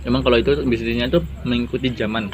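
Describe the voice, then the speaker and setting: A man's voice: mid-range voice, flat delivery, fast. A young man chatting casually as a guest, telling anecdotes with laughs and Islamic expressions. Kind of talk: casual interview. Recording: noisy background.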